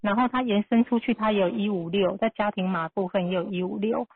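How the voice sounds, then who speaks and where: A woman teaching numerology with a Taiwanese Mandarin accent. She explains things patiently and reassuringly in a husky voice. The sound is thin and narrow, as if it came over a phone line. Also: medium pitch, quick pace. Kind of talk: advice on a live podcast.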